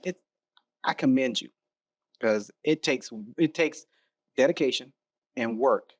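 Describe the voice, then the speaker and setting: A man's voice: medium pitch, measured pace. A man hosting a podcast, casual and slangy, cheering his guest on. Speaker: podcast host.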